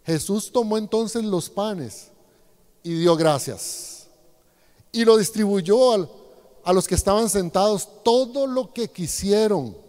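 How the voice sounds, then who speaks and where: A man's voice: high-pitched, lively intonation, slow pace, dark tone. A man preaching a sermon, speaking directly to his congregation and asking them rhetorical questions. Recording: long hall reverb.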